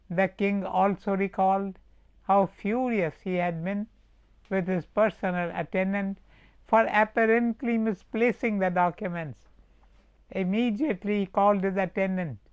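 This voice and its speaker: Slow, gentle man giving a sermon. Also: high voice, clean tone. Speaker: spiritual teacher. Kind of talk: sermon with parables. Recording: dull lo-fi recording.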